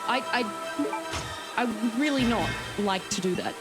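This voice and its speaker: A woman's voice: fairly high pitch, slow pace. A woman streaming a video game, giving casual, sweary commentary and chatting informally to viewers. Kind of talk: casual live gameplay commentary. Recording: game music behind the voice. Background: game music.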